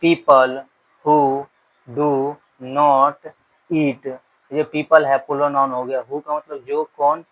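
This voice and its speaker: A man teaching an English lesson in Hindi. He reads English words slowly, translates them, and repeats the grammar rules. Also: mid-range voice, little pitch movement, a bit bright, poor audio. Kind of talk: slow bilingual grammar lesson.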